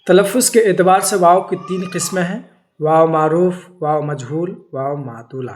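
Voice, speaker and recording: A man with a slightly higher voice explains grammar rules in a patient, repetitive classroom manner. He asks questions and answers them himself, stretching words as he spells out examples. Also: a little mellow. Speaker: teacher. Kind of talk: grammar lesson.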